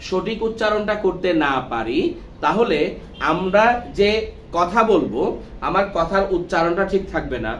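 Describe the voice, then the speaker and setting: A man teaching English letter pronunciation, quizzing his class with repeated questions. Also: high voice. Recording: echoey room with faint noise.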